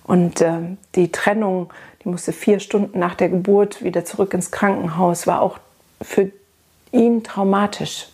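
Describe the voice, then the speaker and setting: A woman's voice: mid-range voice, steady tone, measured pace, dark tone, slightly rough. A woman who works as a child and adolescent psychotherapist tells personal stories. She speaks earnestly and frankly and addresses the listener directly. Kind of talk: personal storytelling talk.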